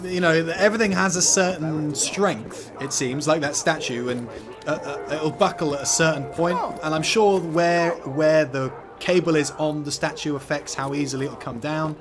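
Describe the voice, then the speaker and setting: A man's voice: a little high, moderate pace. A man giving rambling, self-deprecating commentary while he plays a video game. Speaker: gaming commentator. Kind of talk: let's-play commentary. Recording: loud game music under voice. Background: game music and sound effects.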